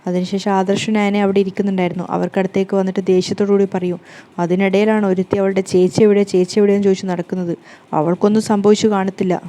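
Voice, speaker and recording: A woman retelling a TV serial episode, quoting every character's lines in a rapid, flat storytelling manner. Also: mid-range voice. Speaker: serial recap narrator.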